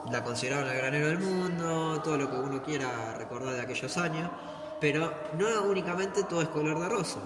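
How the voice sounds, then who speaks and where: A slightly high, brisk male voice with an Argentine Spanish accent leads a guided tour through a museum hall. He explains as he goes, posing questions and answering them himself. The room is echoey, with loud background noise.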